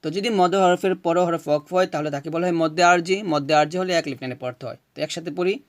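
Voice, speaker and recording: A man teaching Quran recitation, chanting verses slowly and explaining each rule patiently, asking questions and answering them himself. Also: a little high, no room sound, clean studio sound. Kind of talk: recitation lesson.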